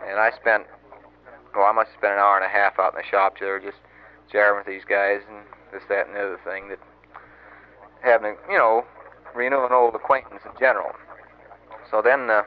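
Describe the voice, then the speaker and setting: A young man talking in a low, unhurried voice, rambling through his story with many pauses and fillers. The sound is an old wire recording, muffled and dull, with a faint hiss underneath. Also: fairly even intonation. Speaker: Marine sergeant recording an audio letter. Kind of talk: casual spoken letter, storytelling.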